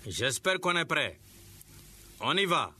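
A man teaching a scripted radio lesson, giving slow, clear instructions to teachers and pupils. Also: fairly high pitch, sing-song, loud music behind the voice.

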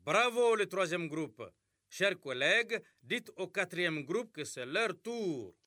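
A man teaching a class, giving clear and encouraging instructions. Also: high voice, animated, slow, sharp tone.

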